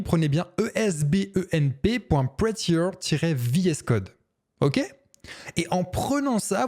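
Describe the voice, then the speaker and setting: A man's voice: a little high, darkish tone. A man hosting a screen-recorded coding tutorial, chatty and self-correcting, with fillers and little laughs.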